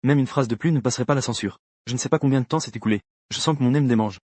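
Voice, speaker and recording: A man narrating a first-person story for a comic dub with a rapid, even delivery. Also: medium pitch, no room sound, clean studio sound.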